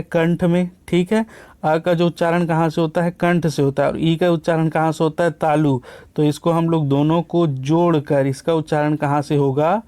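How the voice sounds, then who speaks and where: A man teaching a lesson, asking questions aloud and answering them himself, often checking in with a quick "okay". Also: fairly high pitch, mellow, clear, resonant tone. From India. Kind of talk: classroom lecture.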